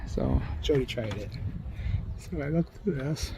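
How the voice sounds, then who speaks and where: Chatty man vlogging outdoors in loud wind. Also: medium pitch, animated, unhurried. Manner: chatty, rambling, easygoing. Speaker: vlogger narrating a bike tour. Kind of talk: casual on-the-go commentary. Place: outdoors on a windy riverside bike route.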